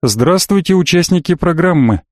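A man voicing the calm ship's computer "Luch". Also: on the high side, normal speed, dry recording, studio quality, voice pushed up. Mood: formal. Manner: formal, announcing.

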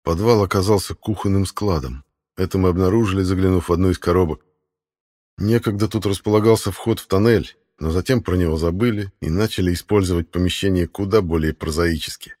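A man reading an audiobook in a measured, even narration. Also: deep voice. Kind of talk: scripted narration.

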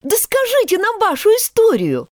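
A woman's voice: huge pitch swings, moderate pace, darkish tone, dry recording, clean studio sound, exaggerated voice. A woman voicing Alice, a polite, eager little girl, in a storybook reading. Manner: high, earnest and eager to please.

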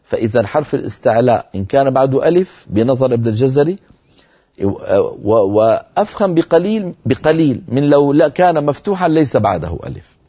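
A middle-aged man teaching Quran recitation rules in a lecture, slowly drawing out the example words as he explains them. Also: mid-range voice, mellow, husky, lo-fi sound.

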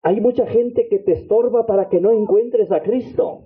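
A man's voice: moderate pace, husky. A man preaching a fervent sermon as a missionary, leading the congregation in repeated prayer invocations. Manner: fervent preaching, repeated invocations, swings between low and high pitch. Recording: tinny phone-like audio.

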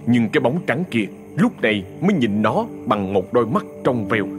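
A man narrating an audio ghost story in an expressive, dramatic storytelling manner. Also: medium pitch, normal speed, over music.

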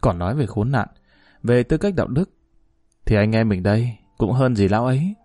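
A man voicing a blunt, cynical male lover who talks calmly and plainly in a spoken story. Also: mid-range voice, moderate pace, no echo, soft background music, natural voice.

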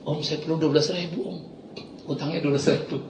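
A man putting on the voice of a young male street thug who mumbles apologies and pleads quietly, in a roomy room. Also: a little high, flat delivery, fast talker, a little hiss or hum. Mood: sheepish.

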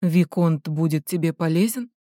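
Woman reading young noble guy, war hero, quiet and low, dry close sound. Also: moderate pace, no room sound, natural voice. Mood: wary. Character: devoted young male aristocrat, war hero.

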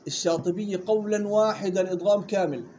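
A man teaching Quran recitation rules. He models the words slowly and quizzes his students. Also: high voice, warm tone, dull audio, slight background noise. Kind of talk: tajweed lesson.

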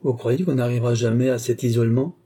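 A man's voice: mid-range voice, fast, dark tone, close to an everyday voice. A man voicing a sardonic, scornful male surgeon in an audiobook, speaking in a mocking, argumentative way. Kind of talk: audiobook character voice.

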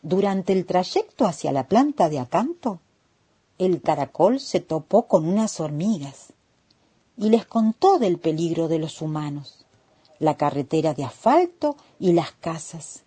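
Argentine woman storyteller, husky, lively pitch, slow radio read. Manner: gentle, unhurried, expressive reading.

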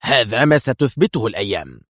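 A stern, curt commander of an armed force from an audio thriller, played by the male narrator. He talks in short, clipped replies in a slightly lowered voice. The recording is dry and close-miked. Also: expressive, quick pace, bright, forceful tone, no echo.

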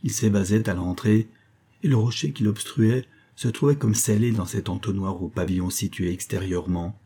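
A man reading a classic adventure novel aloud as a steady audiobook narrator. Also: on the low side, husky. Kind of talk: scripted narration.

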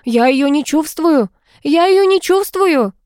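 A loud, protective male cat familiar bursts out in indignant shouts, as a woman reading an audiobook puts him on. His voice sits high and jumps around with wide swings. The recording is dry and close. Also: expressive, normal speed, no room sound, natural voice. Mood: furious. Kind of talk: audiobook character voice.

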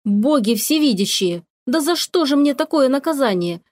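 A woman's voice: high voice, expressive, moderate pace, a little mellow, no echo, pitched above the performer's own voice. A woman voicing a stern witch, the mistress of the house, scolding and giving orders, in a storybook reading. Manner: scolding, commanding.

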